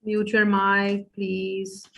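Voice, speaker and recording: A woman's voice: medium pitch, completely flat delivery, extremely slow, vocal fry, a bit bright. A woman teaching French over a video call, explaining each phrase in English and quizzing her students. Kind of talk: online class teaching.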